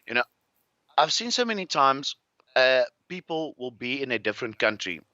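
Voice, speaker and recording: Bright-voiced South African man telling stories. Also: medium pitch, sing-song, normal speed, no room sound, highs cut off. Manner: restless, rambling anecdotal storyteller. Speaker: guest, farmer. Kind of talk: casual interview storytelling.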